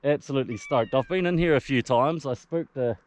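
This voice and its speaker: A man with a broad New Zealand accent talks in a casual, slangy vlog style. He speaks at a middling pitch, laid-back and blokey, with some mild swearing. He is recorded outdoors. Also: a little fast, darkish tone. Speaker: hunter filming own trip. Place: outdoors on open mountain tops.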